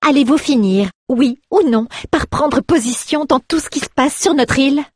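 A woman's voice: sits high, very animated, measured pace, darkish tone, no room sound, clean studio sound, voice pushed up. Woman voicing an exasperated young noblewoman. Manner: indignant, rising.

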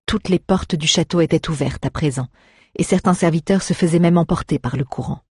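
A narrator reading an adventure story aloud in a steady, dramatic way. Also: mid-range voice, a little fast, breathy edge, no room sound, studio quality. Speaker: audiobook narrator.

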